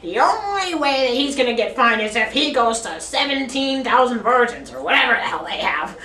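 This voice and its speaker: A teen student storyteller with a somewhat high, animated voice spins an absurd, wandering tale at a normal pace, giggling frequently. The sound comes from a camera placed across the room in an echoey classroom, and crowd noise can be heard.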